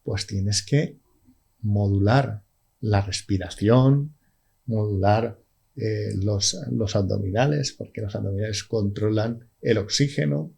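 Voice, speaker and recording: A middle-aged man, a podcast guest speaking slowly and haltingly with many restarts. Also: fairly low pitch, creaky, darkish tone, breathy edge. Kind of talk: casual conversation.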